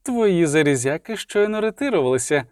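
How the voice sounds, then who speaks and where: A man reading aloud voices a cool, commanding female sorceress who speaks calmly. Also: a little high, a little fast, clean tone, no room sound, clean studio sound, pitched above the performer's own voice. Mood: cold. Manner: calm and demanding.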